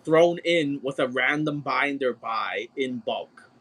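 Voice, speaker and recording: A man's voice: medium pitch, expressive, slow pace, a bit bright. Blunt, swearing man hosting a livestream. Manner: blunt, exasperated, swears often. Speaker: livestream seller. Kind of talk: casual livestream chat.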